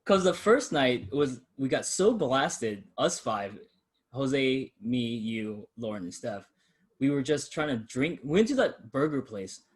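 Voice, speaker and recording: A man's voice: medium pitch, animated, measured pace. A young man in casual chat with an old friend, talking in a loose, laid-back way with the odd curse word. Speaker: channel host.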